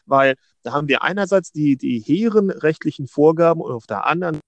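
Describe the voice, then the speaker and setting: Middle-aged berlin guy on a podcast, kinda high voice, wry and argumentative, dry sound. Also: animated, no room sound, muffled recording. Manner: deliberate, argumentative, wry, restarts often. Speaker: podcast co-host, legal adviser. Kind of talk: casual podcast discussion.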